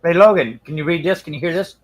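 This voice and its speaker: Male streamer, casual crude banter with chat, slightly high pitch. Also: quick pace. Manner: mumbles while fiddling with screen. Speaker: livestream host.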